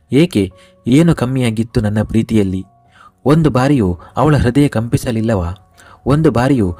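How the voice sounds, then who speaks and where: A man's voice: medium pitch, darkish tone, dry recording, natural voice. A man voicing a heartbroken, drunk young man who speaks heavily through tears. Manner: sobbing questions, heavy voice.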